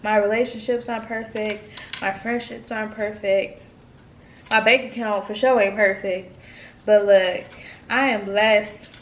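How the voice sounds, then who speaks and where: A woman's voice: mid-range voice, fairly even intonation, unhurried, a little hiss or hum. Encouraging young woman in an echoey room. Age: 20s. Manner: encouraging, preachy, addresses viewers as y'all. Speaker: vlogger. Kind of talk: casual mukbang talk to camera. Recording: echoey room, far from mic.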